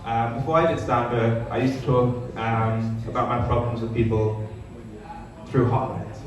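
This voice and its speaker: A man's voice: medium pitch, level tone, normal speed, a crowd in the background. A young man from Newcastle doing stand-up comedy, in a hesitant, rambling, self-deprecating way. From Newcastle, northern England. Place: small sparsely filled comedy venue. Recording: echoey live room, distant mic, audience noise.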